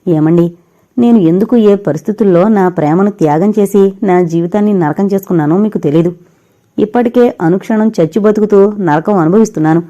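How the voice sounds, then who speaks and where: A woman's voice: medium pitch, fairly quick, warm tone, dull audio, natural voice. A woman voicing a grieving young married woman who tearfully pleads with the man she still loves. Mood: tearful pleading. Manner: tearful, imploring.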